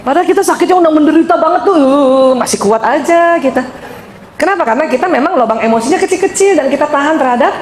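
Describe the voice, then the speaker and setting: A middle-aged woman giving an animated, joking seminar talk to an audience. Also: sits high, fast. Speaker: seminar speaker. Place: large hall with audience. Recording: roomy hall sound with faint noise.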